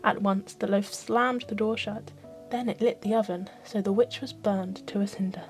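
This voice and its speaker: A woman reads a fairy tale as ASMR. Her delivery is soft and expressive, made for bedtime, over gentle background music. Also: mid-range voice, moderate pace. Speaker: storyteller.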